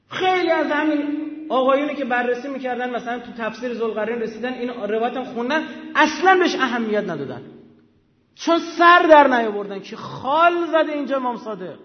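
A man's voice: extremely high pitch, expressive. A man lecturing to a live audience, emphatic and often checking that listeners follow with short questions. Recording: dull lo-fi sound with long hall reverb.

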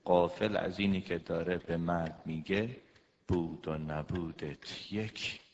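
A man giving a lecture of marriage advice as a family counselor, emphatic, acting out quoted husbands and wives with big swings in pitch and loudness. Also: fairly even intonation, slight background noise. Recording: dull, lo-fi recording with long hall reverb.

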